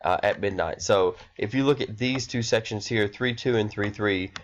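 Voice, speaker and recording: A man with a cold talks students through a course overview. His stuffy, nasal voice sits fairly low, and he rambles, fills pauses with uh and um, and corrects himself as he goes. The recording sounds dull and lo-fi. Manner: rambling, filler-heavy, self-correcting. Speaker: math instructor.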